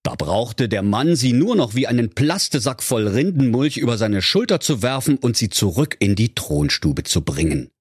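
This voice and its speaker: A man's voice: medium pitch, very animated, normal speed, few pauses, husky, no room sound. Brief: male storyteller, mock-solemn comic reading, dry close sound. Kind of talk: comic fairy-tale reading.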